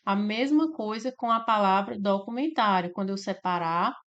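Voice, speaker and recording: The highs are cut off in this clip of a woman teaching grammar with slides for exam preparation. Her medium-pitched voice carries a Brazilian Portuguese accent, and she proceeds slowly and stepwise, elongating syllables and tagging on "né?" and "tá?".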